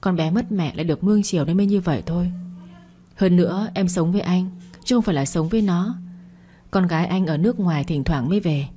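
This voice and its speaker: A woman's voice: lowish voice, a little fast, mellow, husky. A woman reading the part of a middle-aged father in an audio story, soothing and placating.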